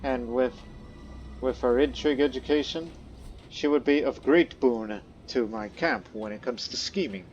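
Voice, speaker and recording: Here a let's play host with a mid-range, darkish voice speaks at normal speed over lo-fi sound and faint game music. His casual commentary rambles, with many fillers and restarts, and he sometimes slips into the role of his in-game ruler. Croatian is a language he studied, not his first.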